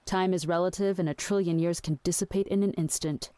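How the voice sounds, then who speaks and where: A woman with a lowish, steady, warm and natural voice speaks fairly quickly, with no echo. She's an actress in an audio play, performing a melancholy, dreamy, fatalistic woman aboard a ship at night, and her delivery is wistful and understated in a theatrical way.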